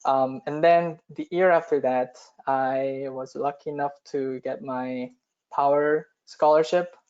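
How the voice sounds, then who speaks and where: A man's voice: medium pitch, steady tone, a little slow, darkish tone, clear, resonant tone. A man from South Korea teaching cadets over a video call, hesitant and full of ums and uhs. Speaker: cadet instructor. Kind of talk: online class lesson. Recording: muffled video call audio.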